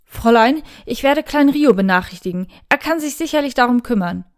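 A brash young bodyguard, as a woman reading the tale puts him on, louder than the narration and cutting in with insistence. His voice is forceful and pushy. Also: a little high, expressive, fairly quick. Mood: insistent. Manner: forceful, interrupting.

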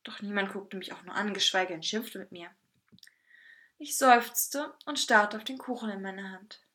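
A woman reading a first-person story aloud in a lively, playful way. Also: mid-range voice, normal speed. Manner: lively, playful narration with voices.

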